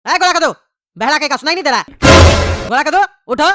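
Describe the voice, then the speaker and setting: An exasperated cartoon father, played by a woman who keeps telling his sons to be quiet. He talks quickly and sounds high and bright. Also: animated, faint music behind. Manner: scolding, impatient.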